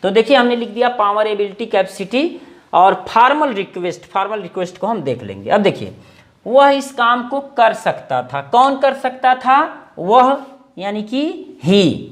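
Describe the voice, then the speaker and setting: A man in his forties teaching English grammar in Hindi as a lesson, repeating phrases and stretching out English words slowly. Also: high voice, very animated. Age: 40s.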